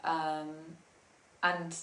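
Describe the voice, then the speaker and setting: A woman's voice: low voice, flat delivery, very slow, fairly bright tone. Giggly young woman in a roomy space. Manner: giggly, with many ums and likes. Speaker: interview guest, musician. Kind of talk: casual interview chat.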